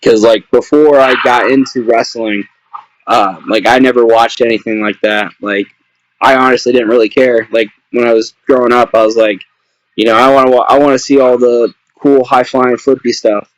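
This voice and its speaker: A man's voice: mid-range voice, fairly even intonation, normal speed, no echo, rough recording. A young man, a wrestler guest on a podcast, talking casually and rambling with lots of fillers over a webcam video call. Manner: laid-back, rambling with many fillers.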